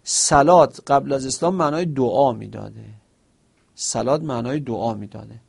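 A man's voice: medium pitch, gravelly, a little mellow, breathy edge. A man teaching a seminary lesson. He explains with examples, asks himself questions and quotes short Arabic phrases. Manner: quotes Arabic phrases within Persian speech.

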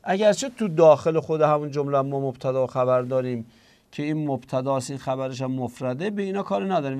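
A man's voice: fairly high pitch, a little mellow, dry recording. A man teaching a grammar lesson, explaining step by step and answering his own questions. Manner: explains step by step, slows on the quoted examples. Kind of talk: classroom grammar lecture.

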